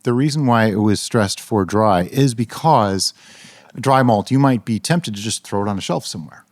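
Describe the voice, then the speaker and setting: A man's voice: on the low side, normal speed, no room sound, studio quality. A man co-hosting a casual homebrewing podcast, talking through his opinions with lots of asides and reasoning aloud. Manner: animated, opinionated, rationalizing aloud. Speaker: podcast co-host.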